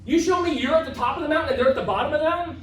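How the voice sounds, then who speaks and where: A man giving an energetic, emphatic motivational seminar talk to a live audience. He repeats phrases and tags his lines with "right?". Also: very high-pitched, very fast. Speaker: motivational event speaker. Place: event room with a live audience. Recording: echoey room, far from mic, faint noise.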